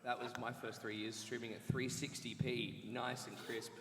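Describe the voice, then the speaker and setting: A man's voice: mid-range voice, level tone, moderate pace. A man on a convention panel, bantering in a joking, laid-back way. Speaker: panelist and streamer. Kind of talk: live convention panel talk. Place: large convention hall. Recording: roomy hall, distant mic, faint noise.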